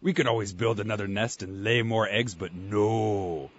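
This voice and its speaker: A man's voice: on the low side, normal speed, lightly acted. A man voicing a boastful male chickadee ghost pirate, growling his lines in pirate talk. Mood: gruff. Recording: lo-fi recording with faint room noise.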